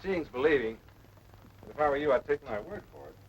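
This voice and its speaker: In a 1940s military training film, an actor portrays a seasoned, patient air force officer who gives measured, authoritative instruction in a cautionary tone. His natural, mid-range male voice swings widely in pitch. The vintage soundtrack is noisy and dull.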